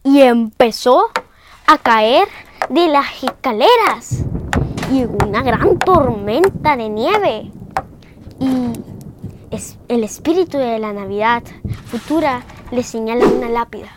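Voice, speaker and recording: A woman's voice: fairly high pitch, expressive, slow pace, noisy background. A female storyteller casually retelling a classic tale in simple, loosely strung sentences. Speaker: children's channel storyteller.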